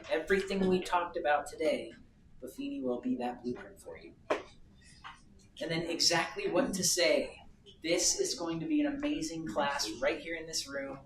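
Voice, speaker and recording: A woman leading a real estate office meeting, running through announcements at a brisk, upbeat pace. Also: lowish voice. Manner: brisk, upbeat, pleading plugs. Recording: echoey room, distant mic, background noise.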